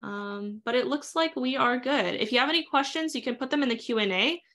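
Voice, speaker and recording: Bright, quick-talking woman teaching online. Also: a little high. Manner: fast, chatty, lots of ums and uhs. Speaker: instructor leading a live webinar. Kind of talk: live software tutorial with screen share.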